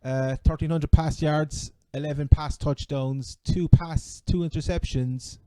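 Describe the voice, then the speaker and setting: A man with a Cork Irish accent chatting casually as a sports podcast host, halting and repeating words as he goes. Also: a little high, steady tone, dark tone, dry recording. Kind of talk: casual fantasy American football chat.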